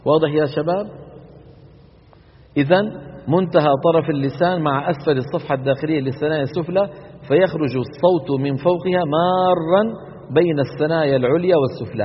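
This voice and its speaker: A man's voice: fairly high pitch, slight background noise. A man teaching Quran recitation in a lecture, demonstrating letter sounds and asking students to repeat them. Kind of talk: classroom lecture on articulation. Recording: dull recording with long hall reverb.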